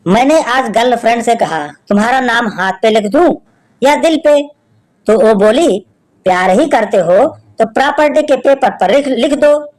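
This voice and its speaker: A woman with a fairly high, very lively voice tells short jokes at a slow, deliberate pace. She acts out each quoted line, lifting and dropping her voice between characters. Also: poor audio. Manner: reads jokes slowly, acting out the quoted lines. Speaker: joke teller.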